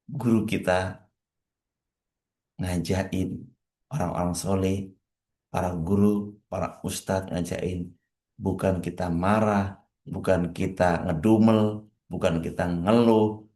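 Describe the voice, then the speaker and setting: A man giving a morning religious study talk as a preacher, speaking conversationally to his listeners and emphatic and repetitive, with wide swings in pitch. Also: a little mellow. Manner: conversational, addressing listeners directly. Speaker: Islamic preacher.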